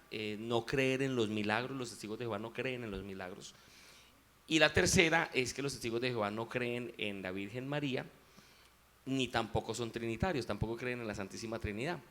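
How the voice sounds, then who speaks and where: A man with a Colombian paisa accent and a slightly bright, mid-range voice is a musician appearing as an interview guest. He gives a reflective, unhurried testimony about his faith.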